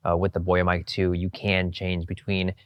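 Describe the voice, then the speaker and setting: A man's voice: sits low, monotone, normal speed, clear, resonant tone, no room sound, highs cut off. A man reviewing gear out on a busy street, talking through a clip-on wireless mic with AI noise reduction switched on. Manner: upbeat, repeats "you can hear". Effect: AI noise reduction processing. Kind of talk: product demo walkthrough. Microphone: clip-on wireless lapel mic.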